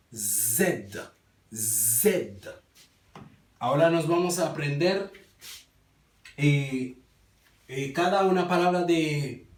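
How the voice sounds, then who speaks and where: A man teaching letter sounds, repeating each letter and word slowly and haltingly. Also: fairly high pitch, distant mic. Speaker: language teacher. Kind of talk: slow alphabet pronunciation lesson. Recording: roomy echo, speaker away from the mic.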